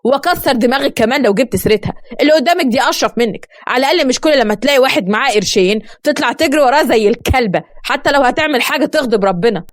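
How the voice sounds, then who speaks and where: Brief: stern protective young master voiced by a female narrator, Egyptian accent, quick, lively pitch. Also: no echo, studio quality. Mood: scolding. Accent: Egyptian Arabic. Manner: stern, scolding.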